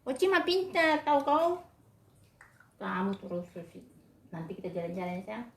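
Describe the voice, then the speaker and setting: A woman's voice: mid-range voice, big pitch swings, normal speed, gravelly, a little hiss or hum. A woman at home talking in a doting, coaxing baby-talk to her pets as she gives them medicine. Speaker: pet owner. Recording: echoey room.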